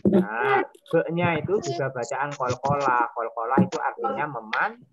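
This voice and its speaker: A woman teacher with a low voice leads a class through recitation rules. She models each word slowly and repeats it patiently. Behind her, a loud crowd of pupils fills the classroom. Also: dull audio.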